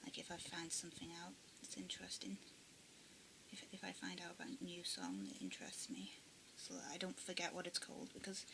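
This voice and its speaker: Woman art vlogger, casual and rambling, soft half-whispered asides, fry-heavy voice over a noisy home recording. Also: fairly low pitch. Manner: rambling, many ums and restarts; often drops to a half-whisper. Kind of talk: casual sketchbook tour. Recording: steady background noise.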